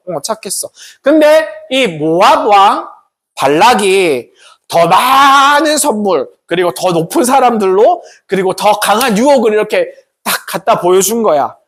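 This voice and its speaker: A man preaches to students in a storytelling way, often asking them questions. His pitch swings widely as he tells the story. His voice has a husky grain. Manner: animated storytelling with questions to the audience. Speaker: pastor. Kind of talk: sermon to students.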